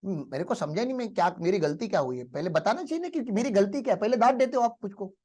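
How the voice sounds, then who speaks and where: A man's voice: high-pitched, expressive, fast talker, warm tone. A male teacher giving a motivational lecture in a classroom, telling stories and asking the class rhetorical questions.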